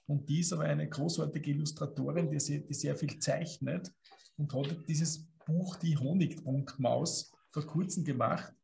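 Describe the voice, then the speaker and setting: A man hosting a live photography stream, brisk as he moves the show along. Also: on the high side, fairly even intonation, gravelly, warm tone. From Austria. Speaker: host. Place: studio room with concrete wall.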